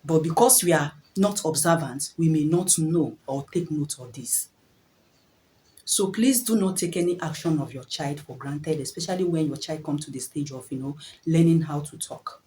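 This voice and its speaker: A woman's voice: low-pitched, moderate pace, dark tone, low-quality recording. A woman giving parenting advice in an earnest, preachy way, repeating phrases and asking rhetorical questions. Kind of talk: preachy advice talk to camera.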